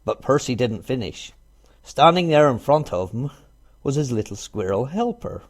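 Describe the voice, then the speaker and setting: Reading a children's picture book out loud, this male narrator speaks at medium pitch and ordinary speed, giving the story an expressive telling.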